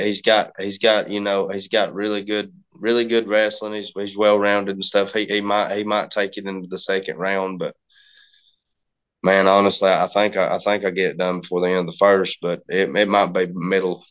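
A man with a low voice and flat intonation answers interview questions casually, halting and repeating himself. The sound is slightly lo-fi. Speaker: fighter being interviewed.

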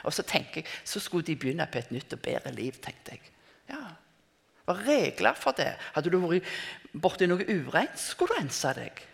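A woman's voice: lowish voice, big pitch swings, gravelly. Reflective older woman preaching in a hall. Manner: reflective, conversational preaching with hesitant restarts. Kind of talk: sermon. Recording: reverberant hall.

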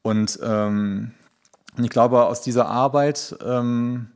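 A man's voice: medium pitch, steady tone, slow pace, darkish tone. A man hosting a podcast interview, introducing his guests in a hesitant way with many filler sounds. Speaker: podcast host.

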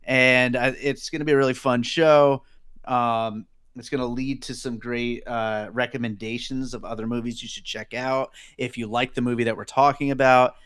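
A man co-hosting a podcast in casual chat, laughing easily and pausing on fillers. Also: medium pitch, fairly even intonation, a bit bright, smooth. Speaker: podcast co-host.

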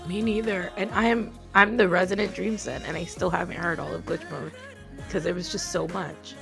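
Female co-host, casual chat, hoarse from being sick, smoky rasp, somewhat low register. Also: fairly even intonation, moderate pace, music in the background. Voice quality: raspy, like a smoker's rasp. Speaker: podcast co-host.

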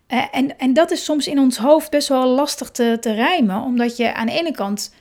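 A woman in her thirties talks through a reflective monologue as a parenting coach. Her voice sits a little high, and she speaks calmly and earnestly, often stumbling and restarting her words as she thinks aloud. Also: moderate pace. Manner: calm, earnest, often restarts words and acts out inner thoughts.

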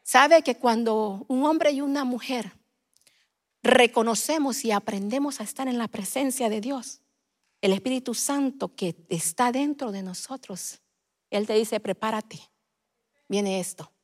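A woman guest preacher giving a Pentecostal sermon, moving between soft storytelling and loud fervent preaching. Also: on the high side, unhurried, big-room sound. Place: church.

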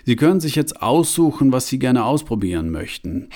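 A man's voice: medium pitch, very animated, normal speed, darkish tone, pitched above the performer's own voice, lightly acted. A man doing a gleeful torture museum guide. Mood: relishing. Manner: cheerful, lecturing, relishing detail. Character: jovial sadistic male torture museum guide. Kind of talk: audiobook reading.

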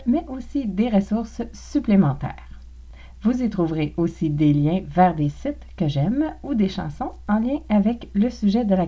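A woman with a Québécois accent hosting a language podcast, reading a scripted lesson and slowly modelling phrases for learners to repeat. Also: mid-range voice, mellow, muffled recording. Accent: Québécois French. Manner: clear, slow model pronunciations for learners to repeat. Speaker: podcast host teaching Quebec French.

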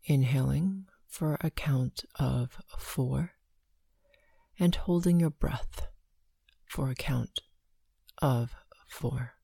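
A woman leading a guided meditation, counting breaths slowly with long pauses between short phrases. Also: very deep voice, creaky, mellow, breathy edge, no echo.

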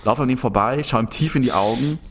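A young man telling a long story in a casual conversation, rambling and animated, often restarting his sentences. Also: medium pitch, fast, a little hiss or hum. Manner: rambling, animated anecdote with frequent restarts and filler "so".

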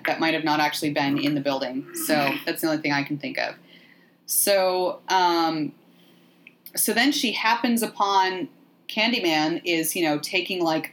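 Woman podcast host, animated and joking, casual movie recap. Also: sits low, moderate pace.

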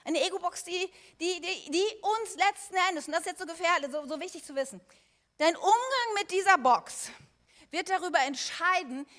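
A woman preacher giving a sermon, talking to her listeners directly and conversationally, moving between emphatic and quiet passages. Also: sits high. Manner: conversational, addressing listeners directly with everyday examples.

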